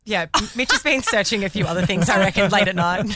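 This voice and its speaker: A woman's voice: mid-range voice, quick pace, bright, forceful tone, dry recording. A woman co-hosting radio, wry and skeptical in her banter. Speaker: radio co-host.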